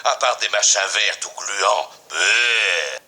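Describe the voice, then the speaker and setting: A man's voice: on the low side, animated, slow pace, over loud music. A man voicing a jolly, easygoing father pig in a children's cartoon dub.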